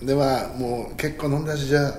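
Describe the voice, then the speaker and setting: Fast-talking middle-aged man, rough storyteller. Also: mid-range voice, fairly even intonation, darkish tone, reverberant, a little hiss or hum. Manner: rough, blunt storytelling that acts out his own angry lines. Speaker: guest telling a story. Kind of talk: casual chat, animated anecdote. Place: radio studio.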